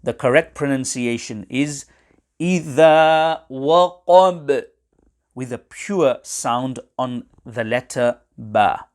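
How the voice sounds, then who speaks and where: A man's voice: mid-range voice, fairly even intonation, takes it slowly, hardly any pauses. A man teaching Quran recitation rules in a webinar, explaining carefully and reciting short examples.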